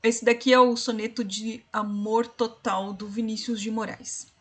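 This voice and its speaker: A woman giving an online literature lesson. She explains step by step, checks in with "né?" and slows down to count syllables and spell out rhyme schemes. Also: a little high, flat delivery, a bit bright. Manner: explanatory, repeats "né?" and "ó". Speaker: literature teacher. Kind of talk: online tutoring session.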